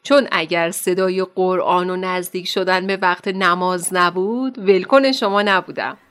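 An actress playing a kindly, motherly woman doctor who counsels young women, speaking gently and affectionately in a radio drama. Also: fairly low pitch, steady tone, clear, resonant tone, natural voice. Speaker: counselor at an Islamic center.

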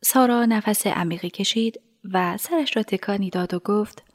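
A woman narrating a radio drama calmly and evenly. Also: mid-range voice. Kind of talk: scripted narration.

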